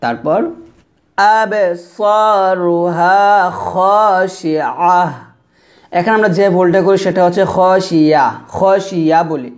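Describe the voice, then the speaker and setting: A man teaching recitation, drawing out each chanted phrase, then slipping into quick spoken corrections. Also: high voice, a little mellow. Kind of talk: slow recitation lesson with drills.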